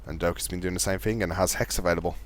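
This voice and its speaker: A man casting a live video game match, fast play-by-play with a fairly steady delivery. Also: sits low, a little hiss or hum. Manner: fast, chatty play-by-play talking to co-caster; calls his own voice monotone. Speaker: esports caster.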